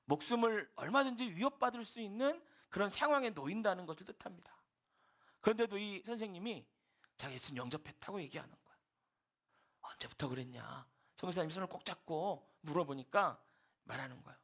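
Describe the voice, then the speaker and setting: A male pastor preaching a sermon, telling a story with lively delivery and dropping to a whisper for quoted lines. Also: high voice, brisk. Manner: animated storytelling, quotes characters in hushed whispers. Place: church sanctuary.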